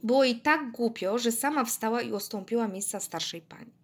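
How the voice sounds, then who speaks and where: A woman reading a children's story aloud with expressive, animated delivery. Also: fairly high pitch, fairly quick, breathy edge.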